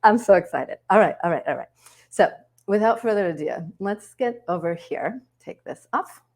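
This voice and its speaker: A woman's voice: medium pitch, expressive, normal speed. Bubbly woman hosting a livestream. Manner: bubbly, upbeat, chatty with viewers in the comments. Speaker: host of a live online wellness workshop. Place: home, yard work heard outside.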